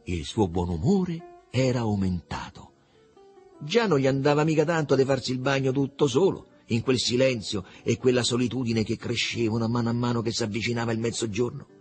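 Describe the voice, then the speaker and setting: A man narrating a novel aloud with an expressive, varied delivery. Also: mid-range voice, a little fast, soft background music. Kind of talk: literary audiobook reading.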